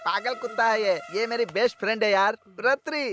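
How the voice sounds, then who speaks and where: A man dubbing a bumbling, excitable comic young man in a film, with music behind. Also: high voice, brisk, natural voice. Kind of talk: Hindi film dub.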